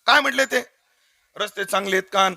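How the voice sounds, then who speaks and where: A man's voice: high voice, fairly quick, bright, forceful tone, dry recording. A man doing a coaxing village mother. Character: soft-spoken, doting village mother.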